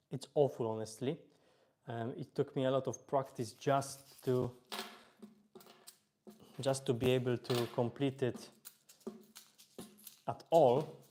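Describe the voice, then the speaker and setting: Chatting casually while gaming on a live stream, a young man from Poland reads out viewer comments, relaxed and chatty, with hesitant fillers and a Polish accent. His voice is mid-range, and there is a little hiss or hum.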